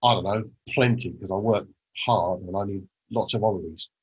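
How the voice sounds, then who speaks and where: A man's voice: on the low side, normal speed, husky, low-quality recording. A man quoting a brash London lad who answers every question vaguely. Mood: offhand. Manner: offhand, noncommittal.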